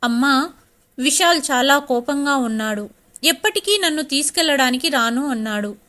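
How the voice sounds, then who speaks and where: A woman's voice: sits high, animated, moderate pace, pushed and bright. A woman voicing a stubborn, hurt young wife in a story, pleading with a raised voice. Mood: upset.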